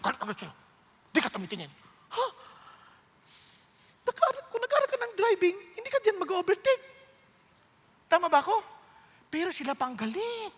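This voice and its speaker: A Filipino-accented man preaches in a bright, sharp voice that rises high and leaps around in pitch. He is animated and jokey, and he slips English lines into the sermon. The sound rings with the long reverb of a church hall. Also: normal speed, pauses often. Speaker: pastor. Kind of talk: conversational sermon.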